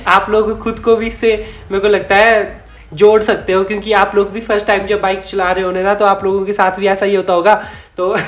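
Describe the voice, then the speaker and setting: Male vlogger, high voice, chatty storyteller who chuckles and corrects himself, echoey room. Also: a bit bright. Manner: chatty, rambling, self-correcting, chuckles often. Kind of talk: casual storytime narration.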